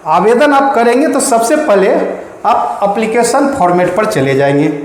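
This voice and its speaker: A man explaining an online application process step by step, addressing viewers as friends. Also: high voice. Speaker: explainer of online land-record services. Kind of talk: spoken tutorial. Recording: very echoey room with long reverb.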